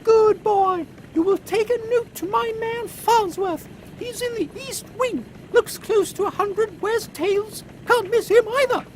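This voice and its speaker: A woman's voice: extremely high pitch, unhurried. A woman playing an imperious, eccentric elderly British queen with an upper-class accent in a comic audio drama, pompous and exclamatory. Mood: commanding. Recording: faint background noise.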